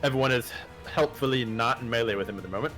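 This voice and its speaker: A man chatting as a player in a tabletop game, easygoing and quick to laugh. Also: medium pitch, over music.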